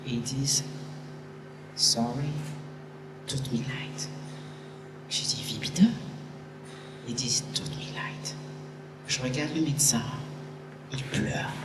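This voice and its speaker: A woman telling her own story on stage, emotional and halting, often repeating words. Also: very deep voice, far from the mic. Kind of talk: personal storytelling talk on stage. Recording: echoey room with clear background noise.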